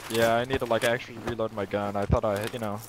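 A man's voice: lowish voice, fairly even intonation, fast. Cursing gamer man calling out in battle. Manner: profane, joking callouts. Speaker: gamer in squad voice chat. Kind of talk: casual gaming banter. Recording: voice chat with battle noise.

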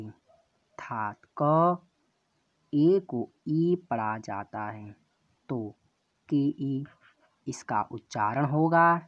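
Man teaching letters super slow, spells each sound out, dull lo-fi audio. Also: mid-range voice, no echo. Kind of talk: slow classroom explanation.

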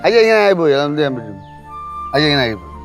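A man's voice: a little high, very animated, rapid-fire, soft background music. An actor playing a stubborn, drunk father who coaxes his daughter with doting baby talk. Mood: coaxing. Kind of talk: sitcom acting.

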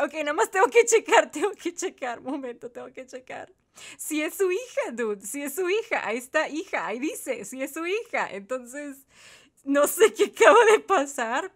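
A woman's voice: sits high, fairly bright tone. A woman with a Mexican accent giving playful, chatty let's-play commentary straight to her viewers. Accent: Mexican Spanish. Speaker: gaming YouTuber.

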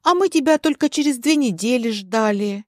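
A woman's voice: fairly high pitch, expressive, moderate pace, a little mellow, dry recording, clean studio sound, natural voice. A woman voicing a flustered, fussy elderly aunt in a spoken story. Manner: fussing, pleading.

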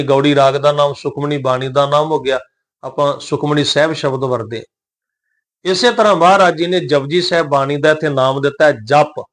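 A man with a Punjabi accent teaching scripture pronunciation, reciting each line slowly and deliberately. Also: a little high. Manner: slow, deliberate chanting of scripture lines. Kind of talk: slow recitation and pronunciation lesson.

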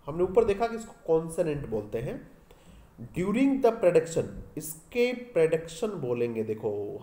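A man's voice: a little high, mellow, reverberant. A male teacher with an Indian English accent giving an exam-prep lecture, repeating each point and quizzing his students as he goes.

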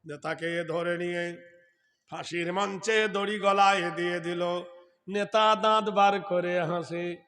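A male Islamic preacher telling a sermon story, chanting scripture in long melodic lines and breaking into loud shouts. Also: high-pitched, steady tone, slow pace.

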